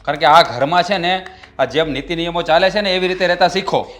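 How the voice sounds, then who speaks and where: A stern young husband, acted by a man, lectures his wife about household rules in a fairly high voice. He keeps demanding calm and obedience in a family stage drama. Faint music plays underneath. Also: fast talker, lightly acted.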